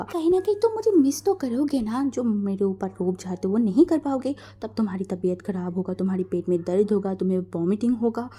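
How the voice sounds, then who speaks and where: A woman voicing a teasing young man, dark-toned. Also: mid-range voice, husky. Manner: playful, cajoling, rising to eager pleading.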